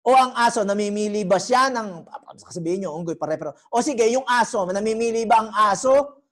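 A woman preaching a sermon. She is animated and teasing, and keeps quizzing the congregation. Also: medium pitch, fairly quick. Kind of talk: sermon teaching.

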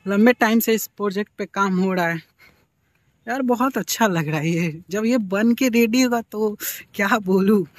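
A man's voice: high voice, no room sound, poor audio. A young man from Bihar in his twenties, chatting enthusiastically as he gives viewers a walking tour outdoors, filming himself on a phone held at arm's length. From Bihar, India. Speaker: vlogger. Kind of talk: casual walking vlog. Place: outdoors in an open field at sunset.

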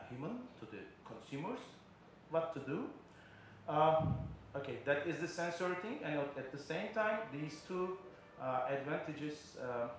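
A middle-aged man with a mid-range voice delivers a keynote conference lecture at a podium microphone in a large indoor hall. He explains things step by step, with frequent uh fillers and non-native phrasing. The hall is very echoey, with faint ambience and slight background noise.

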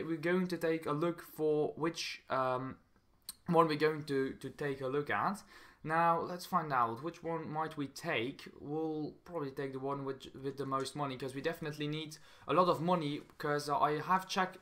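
A young Belgian man with a Belgian accent runs a gaming channel, offering casual commentary in halting, non-native English. He frequently repeats phrases, and his voice is on the high side with a sharp tone.

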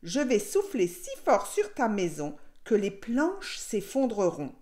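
A woman voicing the big bad wolf in a storybook reading, shouting threats in a high, strained voice. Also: wildly swooping pitch, slow. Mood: furious. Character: big bad male wolf, menacing and boastful.

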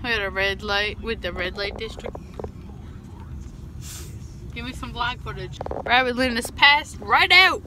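A woman's voice: on the high side, measured pace, pauses often, background noise. A drunk woman in her twenties chatting to her vlog in a rowdy party-animal manner, brash and foul-mouthed. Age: 20s. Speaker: vlogger. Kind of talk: casual drunk vlog chat. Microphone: handheld phone at arm's length.

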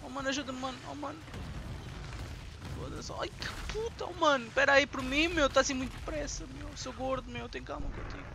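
A man's voice: extremely high pitch, brisk, vocal fry, background noise. A man with a European Portuguese accent giving frantic, swearing commentary over his own gameplay. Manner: excitable, swearing, frantic exclamations. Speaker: gaming channel host.

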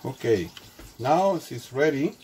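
A man's voice: mid-range voice, lively intonation, mellow, low-quality recording. Man cooking in a humming kitchen. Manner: halting non-native English with many restarts. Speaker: home cook. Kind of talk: casual cooking demonstration. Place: small home kitchen, indoors. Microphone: camera mic across the kitchen. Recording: home kitchen with clear background hum.

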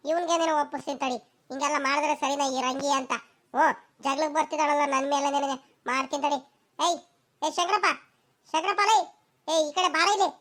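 With a high-pitched, scheming voice, a woman plays a cartoon's cantankerous old village grandmother who rattles off scoldings in fast village dialect and loudly calls people over.

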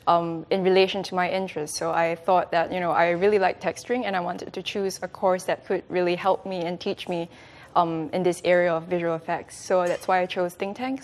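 A young woman from Singapore giving a friendly student testimonial with a few fillers. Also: fairly low pitch. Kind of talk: casual testimonial. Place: indoor studio.

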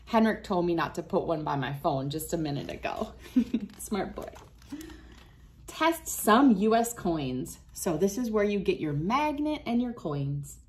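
Her voice sits lowish and is very animated yet unhurried. A woman in her thirties, she reads a children's science book aloud and demonstrates, cheering on the young viewers she talks to directly. The setting is a small wood-panelled room beside a window, with a device camera at about arm's length.

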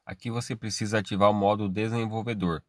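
A Brazilian man with a Brazilian Portuguese accent hosts a screen-recorded tech tutorial, walking through steps casually and checking in often with tag questions. His lowish voice is steady and fast, with clean, echo-free studio sound.

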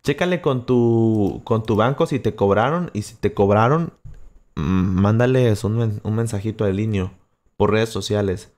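Relaxed man with coastal Acapulco accent. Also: on the low side, normal speed. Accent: coastal Guerrero Mexican. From Acapulco, Mexico. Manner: relaxed, chatty, many fillers and restarts. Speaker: livestream host answering chat. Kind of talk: casual livestream chat. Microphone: close to the microphone.

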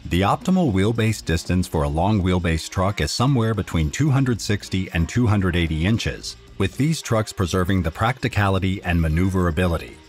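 A man reading a scripted voice-over narration in a steady, informative explainer manner. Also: low voice, fairly quick, hardly any pauses, soft background music.

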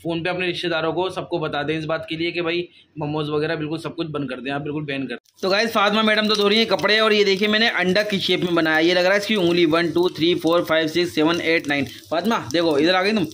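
Man, family vlogger, high bright voice, joking casual chat, faint room noise. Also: fast talker. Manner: chatty, joking, addresses viewers as "guys". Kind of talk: casual vlog chat to camera. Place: home and rooftop.

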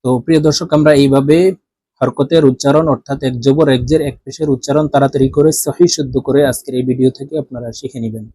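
Male Quran reading teacher, Bangladeshi Bengali accent, unhurried syllable drills, mellow dry voice. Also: medium pitch, fairly even intonation, husky, no room sound, low-quality recording. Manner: chants syllables slowly, explains quickly in between. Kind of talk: slow drilled recitation lesson.

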